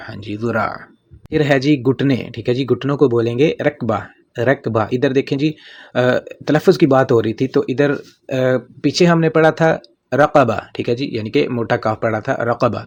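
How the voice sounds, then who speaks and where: A man with a Pakistani accent teaching vocabulary in a casual spoken lesson, patiently repeating each word and often pausing with fillers. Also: mid-range voice, steady tone, a little mellow. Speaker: language teacher.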